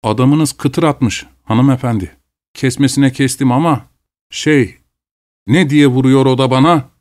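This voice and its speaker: A man's voice: medium pitch, measured pace, a little mellow, close to an everyday voice. A man voicing a stubborn, cheeky peasant woodcutter who talks back defiantly. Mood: complaining. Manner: defiant, mocking.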